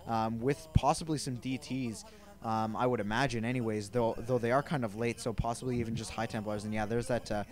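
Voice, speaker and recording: A man giving casual play-by-play on a strategy game match. He talks loosely with lots of filler words and gets excitable, at an average pitch for a man. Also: fairly quick. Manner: loose and chatty, many "uh" fillers, bursts of excitement. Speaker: esports caster.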